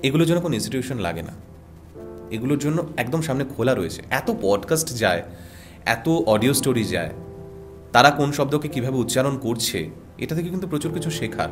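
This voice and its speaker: A man's voice: medium pitch, animated, fairly quick, soft background music. A man who works as a radio jockey and voice artist, giving earnest advice in a podcast conversation, with a Bengali accent and rhythmic, emphatic repetition.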